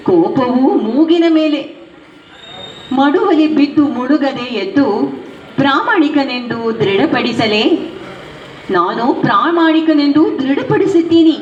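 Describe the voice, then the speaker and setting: A woman singing the part of a male god who calms his angry wife, in a slow, drawn-out devotional song. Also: high voice, slight background noise. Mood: pleading. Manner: sung in slow, drawn-out phrases with spoken refrains. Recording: roomy, dull recording with faint music.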